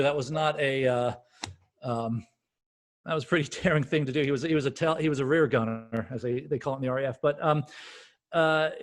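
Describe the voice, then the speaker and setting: A man speaking as an author guest in a casual panel talk, measured and hesitant. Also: mid-range voice. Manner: measured and hesitant, many "uh" fillers.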